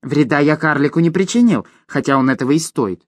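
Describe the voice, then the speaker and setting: A man voicing a cowardly, fawning little male gnome in a shrill, eager tone for an audiobook. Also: brisk, no room sound, studio quality, close to an everyday voice. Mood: boastful. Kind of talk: audiobook character voice.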